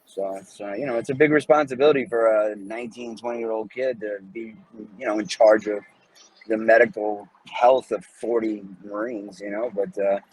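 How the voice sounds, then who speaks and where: Husky, relaxed man in casual talk. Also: on the low side, normal speed, rough recording. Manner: relaxed, hesitant, many fillers. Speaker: guest, former Navy corpsman. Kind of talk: casual interview conversation. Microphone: podcast microphone.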